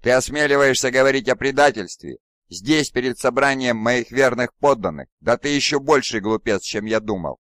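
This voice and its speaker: A man's voice: on the low side, expressive, moderate pace, dry recording. A furious, arrogant demigod warlord, voiced by a man reading an audiobook, bellowing in a raised, strained voice. He spits contempt at those beneath him and demands obedience. The read is dry and close. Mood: enraged. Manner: imperious, raging, contemptuous shouting. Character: arrogant wrathful demigod warlord, male, towering.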